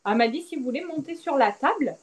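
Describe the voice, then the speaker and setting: On a podcast, a young woman guest candidly tells a personal story about childbirth, speaking quickly and animatedly. She acts out the quoted dialogue with big, lively pitch swings, and the background is noisy.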